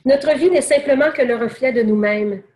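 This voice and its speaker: A calm, wise father gently explaining life to his son, as a woman trainer puts him on in a story. The voice stays close to her own speech and sits a little high. The tone is patient and explaining. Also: moderate pace, lightly acted.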